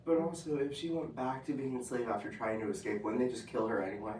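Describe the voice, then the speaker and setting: A man's voice: mid-range voice, fairly even intonation, quick pace, a little mellow. A man talking hesitantly in a casual student book discussion, with many fillers and restarts. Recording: echoey room, far from the mic, noisy.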